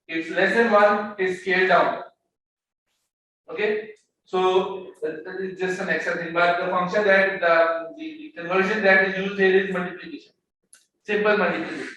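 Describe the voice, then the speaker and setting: In this economics class, the man teaching has a high-pitched, sharp voice. He walks through ideas step by step, switching between English and Hindi-Urdu phrases and repeating words as he hunts for the next one. The mic is distant in a very echoey room, with faint noise in the background.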